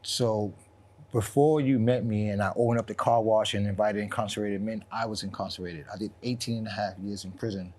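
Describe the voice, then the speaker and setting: A man in his forties from Queens, New York, speaking candidly as an interview guest, reflective, with frequent pauses and restarts. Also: lowish voice, steady tone. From South Jamaica, Queens, New York. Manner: reflective, soft-spoken, frequent ums and repeats.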